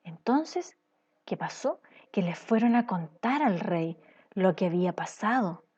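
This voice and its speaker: Woman, children's teacher, storytelling, slow and patient, asks questions, dull lo-fi recording. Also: medium pitch, animated, darkish tone, slightly rough.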